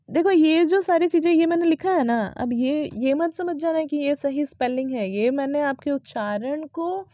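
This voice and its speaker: A woman's voice: high voice, dark tone, no room sound. Woman teaching English pronunciation. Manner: explains patiently, spells words letter by letter, often asks "right?". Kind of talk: casual classroom explanation.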